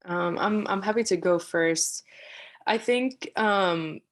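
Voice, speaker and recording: A woman from Syria speaking as a panelist on a video call, measured with frequent fillers. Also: mid-range voice. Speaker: panelist, legal fellow. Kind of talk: panel discussion.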